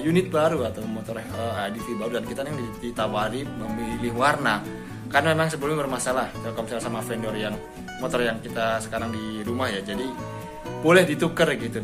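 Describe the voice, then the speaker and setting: A man in his thirties talks to his viewers like mates in a casual vlog. His voice sits at a middling pitch. Loud guitar music plays behind him as he speaks. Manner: informal, repeatedly addressing viewers as bro. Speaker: vlogger. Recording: music under the voice.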